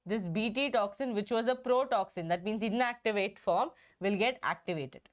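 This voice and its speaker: A young woman with a hoarse, strained voice from a throat infection, teaching an exam-prep biology lesson and repeating herself with frequent "okay"s. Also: medium pitch, moderate pace. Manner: repetitive, checks in with "okay".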